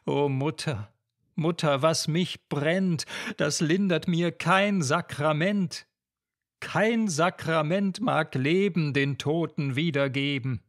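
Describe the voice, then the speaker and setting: A man's voice: a little high, takes it slowly, dry recording, clean studio sound. A man voicing a despairing young woman, a grieving bride crying out against God in a classic ballad reading. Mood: anguished.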